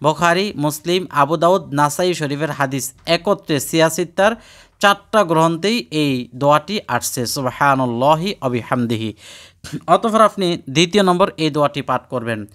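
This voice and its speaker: A man from Bangladesh, teaching the careful recitation of prayers, drawing out each vowel slowly. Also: on the high side, expressive, a bit bright. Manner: slow, careful, drawn-out recitation. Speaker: religious teacher. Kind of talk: teaching dua pronunciation.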